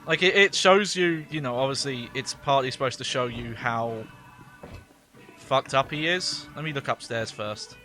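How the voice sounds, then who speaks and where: Guy streaming a game, super bright voice, rambly chatty commentary, laughs a lot. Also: medium pitch, normal speed, faint music behind. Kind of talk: casual gameplay commentary.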